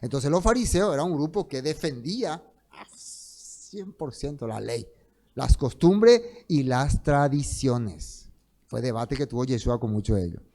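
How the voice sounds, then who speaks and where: A man teaching a Bible study in sermon style, emphatic, with loud stresses that fall to soft trailing phrases, slowing down to read scripture. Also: mid-range voice, animated. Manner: slows down to read scripture aloud.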